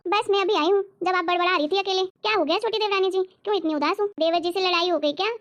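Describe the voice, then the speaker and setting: Gentle, sympathetic young sister-in-law for a cartoon, high and soft, played by a woman. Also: fast talker. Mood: concerned. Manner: soft-spoken, pleading, sympathetic. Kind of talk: cartoon story voice acting.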